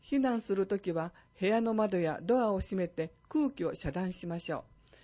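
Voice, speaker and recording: A woman announcer reading a scripted fire department public service announcement in a clear, measured way. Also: medium pitch, lively intonation, mellow, muffled recording.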